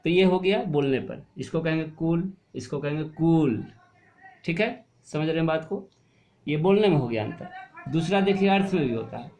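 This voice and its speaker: A male teacher explaining a Hindi spelling lesson to young pupils, asking questions and answering them himself, and drawing out words slowly to show how they sound. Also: a little high, lively intonation, a little mellow. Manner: explains patiently, asks and answers his own questions; stretches and stresses words to show pronunciation. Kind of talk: online class lesson.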